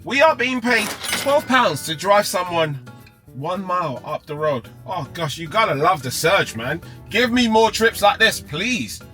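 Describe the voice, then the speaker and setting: Man, rideshare driver, high voice, bright tone, chatty slangy banter, in a car. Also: big pitch swings, measured pace, faint music behind. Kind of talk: casual chat with passenger. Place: inside a car.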